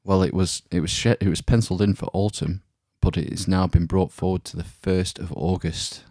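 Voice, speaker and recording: A middle-aged man co-hosts a loose, joking podcast from inside a small caravan. His voice sits low, and the sound is tight and dry with very little room. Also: steady tone, brisk, mellow, no echo. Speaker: podcast co-host. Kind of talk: casual comedic podcast chat. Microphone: online call, close dry sound.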